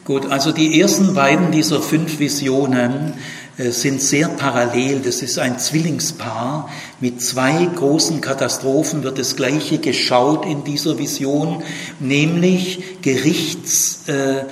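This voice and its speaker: A man teaching a Bible study, emphatic and animated, with many fillers and tag questions. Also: mid-range voice, echoey room, big-room sound.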